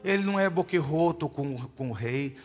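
Male preacher, high voice, emphatic and direct with the congregation, hall reverb and soft music behind. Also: animated, moderate pace. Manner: emphatic, addresses listeners directly as "my dear". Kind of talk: sermon.

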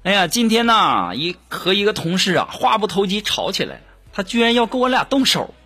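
A man hosting a radio comedy show, telling jokes in a lively storyteller's way and acting out the dialogue. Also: sits high, fairly quick. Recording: music bed behind the voice. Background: upbeat background music.

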